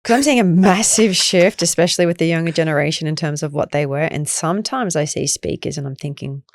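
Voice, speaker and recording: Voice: mid-range voice, fairly quick, no room sound. A podcast host asking curious follow-up questions in an interview. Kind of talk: interview conversation.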